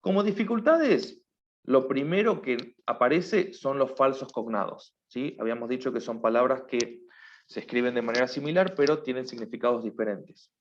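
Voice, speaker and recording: A man's voice: medium pitch, normal speed, muffled recording, slight background noise. A man teaching a class, explaining patiently and often stopping to check that his students follow. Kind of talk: online class lecture.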